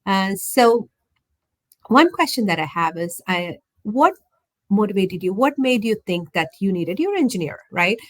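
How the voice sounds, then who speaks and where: A woman's voice: mid-range voice, lively intonation, unhurried. A woman hosting an online interview over a video call, upbeat and chatty with many fillers. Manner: upbeat, lots of fillers and laughs. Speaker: host. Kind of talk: casual interview chat. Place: home.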